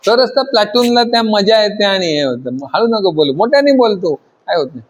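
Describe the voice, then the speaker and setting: A man teaching a class of trainees, constantly questioning the students and urging them to answer louder. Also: sits high, expressive, a little fast. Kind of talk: classroom lecture.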